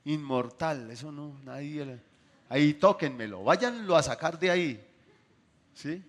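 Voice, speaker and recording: A man with a slightly high voice and lively intonation preaches a sermon to his congregation, questioning them as he goes. He swings between loud bursts and soft, drawn-out phrases.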